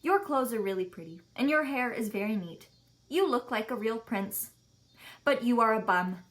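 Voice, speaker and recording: A woman's voice: on the high side, expressive, moderate pace, natural voice. A woman voicing a bold, clever young princess from a children's storybook, speaking emphatically. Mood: cool, blunt.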